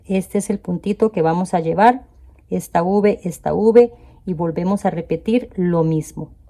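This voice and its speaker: A woman with a low, dark-toned voice walks viewers through a crochet tutorial at an unhurried pace. She counts stitches aloud and checks in with her audience, asking "¿ven?" directly.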